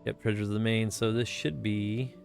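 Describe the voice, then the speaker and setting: A man's voice: on the low side, fairly even intonation, normal speed, creaky, darkish tone, faint music behind. A man playing through a game and chatting casually, rambling and swearing freely as he goes. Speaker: game streamer. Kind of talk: casual let's-play commentary.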